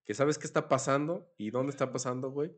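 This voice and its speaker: A man's voice: medium pitch, steady tone, brisk. A man with a Mexican Spanish accent, co-hosting a podcast in crude, slangy casual chat. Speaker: podcast co-host.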